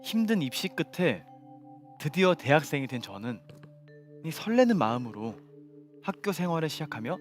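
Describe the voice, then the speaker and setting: A young man telling a ghost story to friends in polite, measured formal narration, as co-host of a show. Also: a little high, sing-song. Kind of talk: spoken storytelling among friends. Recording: music behind the voice.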